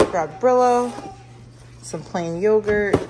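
A woman in her thirties, a mother and vlogger, casually listing her grocery haul item by item with frequent ums. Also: medium pitch. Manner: lists items slowly with frequent ums. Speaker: vlogger, mother of a large family. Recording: noisy home recording. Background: kids in the background.

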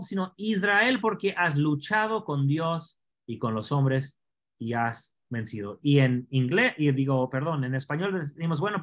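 A man teaching an online scripture class, explaining Hebrew words slowly and asking his students questions. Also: fairly high pitch, fairly bright tone.

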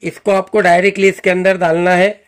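High-voiced man giving a casual demo. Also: flat delivery, a little fast. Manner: friendly instructional, repeats "जी हाँ दोस्तों". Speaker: channel host demonstrating a car washer.

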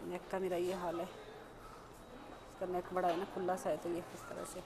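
A woman vlogging casually in a soft voice, a little short of breath, speaking into a small clip-on mic. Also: lowish voice, completely flat delivery, measured pace, noisy background. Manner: speaks softly after surgery, short of breath. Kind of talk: casual vlog narration.

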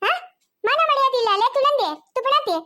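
A woman doing a shrill, raging older woman. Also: expressive, fairly quick, full character voice. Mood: enraged. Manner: shouting insults.

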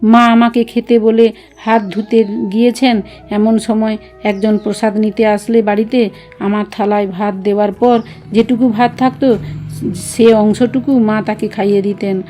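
A woman's voice: mid-range voice, flat delivery, a little slow, mellow, soft background music, natural voice. A woman reading the memories of a grown son about his devoted mother, in an earnest, reminiscing way.

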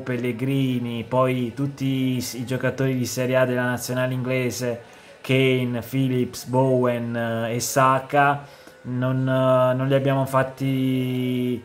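A man giving a casual football match analysis, speaking haltingly and hesitantly with long pauses. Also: medium pitch. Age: 20s. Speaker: amateur football commentator. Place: indoors, room with bookshelves. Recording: clear background noise.

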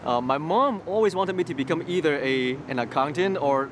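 His voice is a little high, expressive and fairly quick: a young Hong Kong man, native in Cantonese, recounting his story for a personal testimony interview. He often restarts and repeats words while speaking outdoors next to a graffiti wall, with city traffic and street sounds in the background.

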